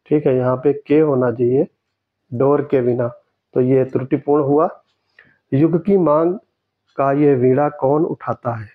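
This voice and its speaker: A man with a medium-pitched voice tutors for an exam, steadily going through test answers and repeating each key word for emphasis. The audio is narrow and tinny.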